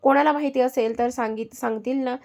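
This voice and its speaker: A woman's voice: sits high, steady tone, a little fast, darkish tone. A woman voicing a worried, sulky young woman about to be married, in a spoken story. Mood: anxious.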